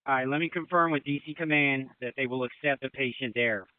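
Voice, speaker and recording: Guy running rescue boats over marine radio, quick clipped orders, thin tinny sound. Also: medium pitch, no echo. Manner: brisk, directive, crisp radio procedure. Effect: marine radio transmission. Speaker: river branch incident commander. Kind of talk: emergency radio dispatch.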